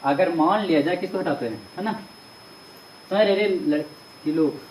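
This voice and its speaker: A man's voice: a little high, moderate pace, darkish tone. A male maths teacher, teaching a class in a lecture that asks questions and repeats the answers. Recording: echoey room, mic far off, faint noise.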